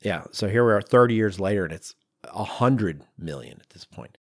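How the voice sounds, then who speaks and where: A man with a lowish, expressive voice speaks at normal speed as a podcast co-host, telling animated stories in casual chat. He's emphatic, self-deprecating and conversational, and the recording is dry with studio quality.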